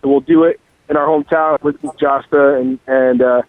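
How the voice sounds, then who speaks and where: A man's voice: medium pitch, steady tone, moderate pace, dry recording. A man calling in on a car speakerphone while driving, talking as a musician guest in a loose, rambling, profane way with lots of fillers. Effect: car speakerphone call. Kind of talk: casual phone interview. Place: in a moving car. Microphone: phone on speaker. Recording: tinny dry phone line.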